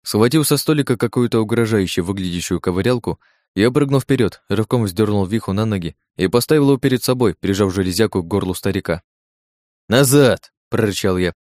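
A man's voice: on the low side, expressive, fast, a little mellow, dry recording, clean studio sound. A man reading a first-person audiobook in tense, gritty scripted narration.

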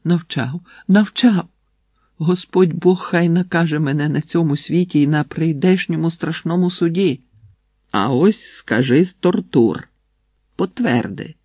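A man voicing a terrified young monk who gabbles and wails frantically, in a husky voice. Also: medium pitch, sing-song, measured pace, darkish tone, no room sound, heavily acted. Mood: wailing.

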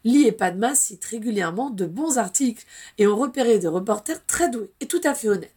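A woman's voice: on the high side, expressive, brisk, a little mellow, breathy edge. A woman reading the lines of a confident, well-informed young woman who explains things assuredly.

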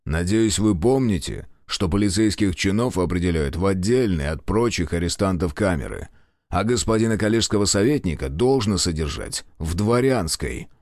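A stern, commanding police chief, played by a man reading a story. His low voice moves slowly and weightily, every order firm. Recorded close in a dry booth. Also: expressive, darkish tone, no echo.

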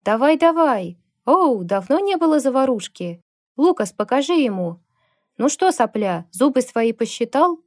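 A woman's voice: sits high, very animated, a little slow, dry recording, studio quality, voice pushed up, exaggerated voice. A woman reading a storybook, voicing a crowd of rowdy male bikers whooping and jeering in a bar. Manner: loud, whooping.

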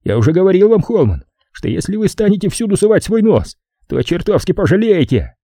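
A man reading an audiobook, voicing a petulant, whiny man of about thirty who rasps his threats. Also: high-pitched, sing-song, fairly quick, dark tone, no echo, studio quality, pitched above the performer's own voice, heavily acted. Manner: whining and rasping.

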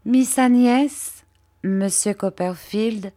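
A woman voicing a fawning, falsely humble young male clerk in an audiobook, speaking slowly and unctuously. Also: on the high side, warm tone, pitched above the performer's own voice. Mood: oily. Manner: unctuous, slow, ingratiating. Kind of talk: audiobook character reading.

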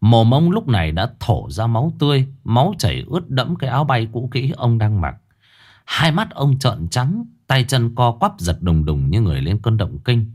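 A man narrating a dramatic horror story with an expressive, swooping delivery. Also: medium pitch, normal speed.

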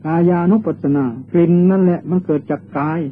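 An older Thai Buddhist monk giving a dharma sermon on meditation, teaching patiently and repeating meditation chants. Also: male voice, high-pitched, fairly even intonation, a little fast. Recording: tinny old lo-fi tape with faint hiss.

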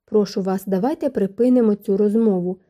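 Brief: woman voicing a guarded young maid, soft and pleading, mellow, storybook. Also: mid-range voice, brisk, lightly acted.

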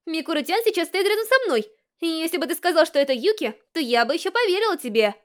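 A woman voicing a bossy, sharp-tongued teenage schoolgirl who scolds and brushes off the listener, heard over a phone line. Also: extremely high pitch, expressive, fast, pitched above the performer's own voice. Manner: scolding, dismissive.

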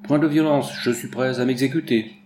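A man voicing a polite, wary gentleman who speaks in a courteous, guarded way, read in an echoey room. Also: mid-range voice, brisk, a little hiss or hum, lightly acted.

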